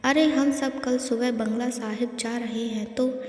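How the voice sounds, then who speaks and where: A woman's voice: a little high, steady tone, unhurried, a little mellow, close to an everyday voice. A woman voicing a snappy proud young woman. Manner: snappy, scolding. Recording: echoey room with long reverb.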